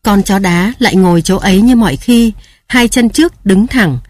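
A woman narrating a story in a calm, measured reading voice. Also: medium pitch, no echo.

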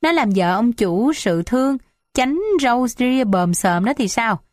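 A woman's voice: animated, unhurried, no room sound, studio quality. A woman voicing a defiant, spoiled young village daughter in an audiobook, sulky and petulant. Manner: sulky, petulant, high-pitched.

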